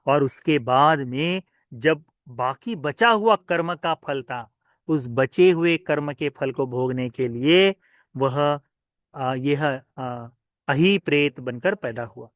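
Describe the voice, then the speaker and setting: A Buddhist monk telling a teaching story to children, his voice fairly high for a man. He keeps asking his listeners questions and answering them himself. The sound is dry and close. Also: lively intonation, takes it slowly, a bit bright, no echo.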